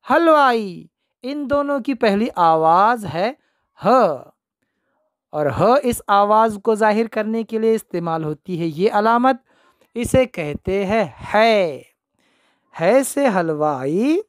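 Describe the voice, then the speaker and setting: A man's voice: sits high, dry recording, clean studio sound. A man teaching young children the alphabet, repeating each word and answering his own questions.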